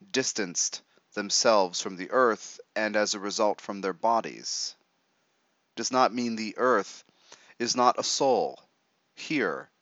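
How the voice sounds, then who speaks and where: A male meditation guide with a lowish yet fairly bright voice speaks in a measured, instructive manner, using short phrases separated by pauses. The recording is dry, slightly dull, and has no echo.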